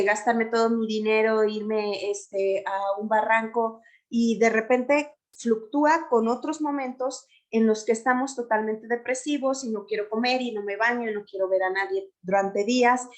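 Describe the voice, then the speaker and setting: A woman giving an explanatory lecture to teachers, often checking in with her listeners. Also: a little high.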